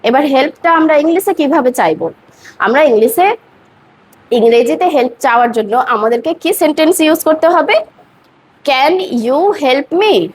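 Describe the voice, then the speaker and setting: A woman teaching a spoken English lesson, explaining patiently, repeating example sentences slowly and often checking that her students have understood. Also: high voice.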